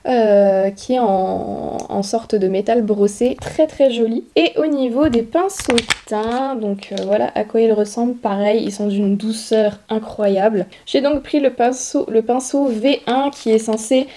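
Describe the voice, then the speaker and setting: A woman's voice: on the high side, fairly even intonation, measured pace, hardly any pauses, mellow, slight background noise. A woman beauty vlogger casually showing and explaining her makeup purchases, chatty, with many fillers. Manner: chatty, explains as she shows items, frequent fillers. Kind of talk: casual product haul talk.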